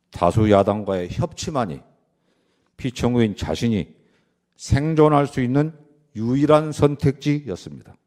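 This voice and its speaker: A man gives a formal prepared closing argument as a lawyer, solemn and deliberate, stressing short phrases. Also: mid-range voice, a little mellow. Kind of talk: formal prepared courtroom speech.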